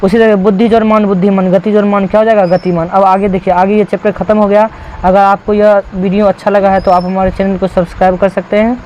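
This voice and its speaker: A man's voice: high-pitched, little pitch movement, fast, a little mellow, slight background noise, rough recording. A man from India teaching a textbook lesson, repeating key words and asking the class rhetorical questions.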